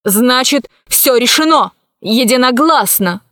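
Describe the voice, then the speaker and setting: A woman's voice: on the high side, expressive, takes it slowly, a bit bright, dry recording, clean studio sound. A woman voicing a stern, imperious queen. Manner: commanding, cold. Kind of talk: audiobook character voice.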